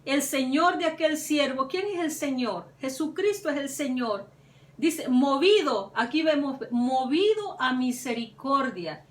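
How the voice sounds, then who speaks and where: A woman's voice: sits high, expressive, a little slow. A woman preaching a sermon with fervor, her voice climbing on the words she stresses. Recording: echoey room, mic at a distance.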